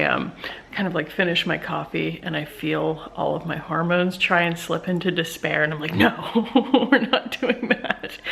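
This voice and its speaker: A woman's voice: on the low side, gravelly. Chatty young woman vlogging at home. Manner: rambling, chatty, laughs often, trails off mid-sentence. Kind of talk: casual vlog chat to camera. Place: at home, in her room.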